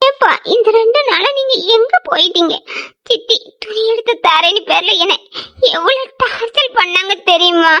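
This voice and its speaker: A woman's voice: very high voice, expressive, normal speed, bright, forceful tone, muffled recording, heavily acted. A woman voicing a mistreated, grieving young bride in a cartoon drama, crying and pleading. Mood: tearful. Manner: tearful and pleading.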